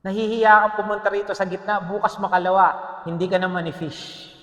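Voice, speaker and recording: Man, preacher, sermon, high pitch, joking, calls for amens, echoey church hall. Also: steady tone, a little fast, a bit bright. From Philippines.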